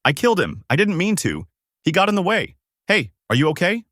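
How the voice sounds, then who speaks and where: A man voicing a bossy, excitable young woman in a fan-made story, talking in a raised, snappy, impatient voice. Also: medium pitch, normal speed, dry recording, studio quality. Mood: excited.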